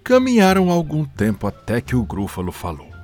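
A man reading a rhyming picture book aloud for a children's story podcast in a slow, lively, sing-song way. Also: mid-range voice, soft background music.

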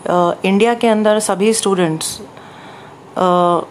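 A woman with an Indian accent, an English language trainer answering interview questions in a measured, explanatory way. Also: mid-range voice, fairly even intonation, slight background noise.

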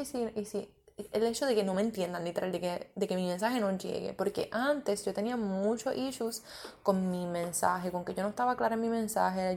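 Brief: woman in her thirties, podcast host and coach, candid and swear-happy, a bit of vocal fry. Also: mid-range voice. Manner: candid, expressive, mixes in English words and swears freely. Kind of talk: casual podcast monologue.

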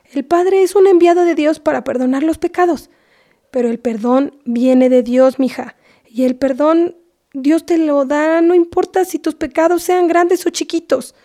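Lady playing a bossy mexican mom scolding her kid, high but warm sounding. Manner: scolding, lecturing, half-whispered. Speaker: mother. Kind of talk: comedy sketch acting.

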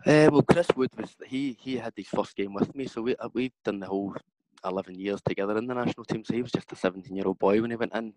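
A man's voice: on the low side, vocal fry, a little mellow, no echo, low-quality recording. A man in his thirties with a broad Scottish accent, chatting casually as a former footballer being interviewed about his career. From Scotland.

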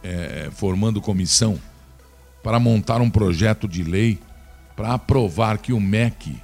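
A man's voice: on the low side, a little slow, darkish tone, faint music behind. Indignant Brazilian man ranting about politics. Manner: indignant, scornful, addresses listener directly. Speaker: political commentator. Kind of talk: opinionated political commentary.

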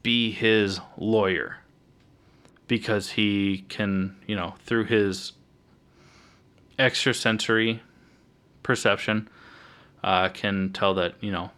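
A man with a fairly low voice chats excitedly about superhero films as a podcast co-host. He jokes around and swears casually. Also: slow, pauses often, smooth.

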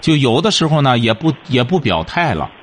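A man's voice: mid-range voice, very animated, brisk, a bit bright, a little hiss or hum. A man hosting a call-in advice show, talking in a folksy, coaxing way and often asking "right?" to his callers. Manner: folksy, coaxing, repeats "晓得吧" and "是不是". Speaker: radio call-in advice host.

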